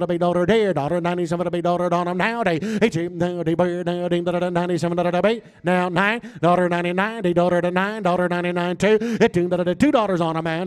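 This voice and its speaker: Cattle auctioneer, male, high bright chant at breakneck speed, smooth and clear. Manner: rapid rhythmic filler-word chant. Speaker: livestock auctioneer.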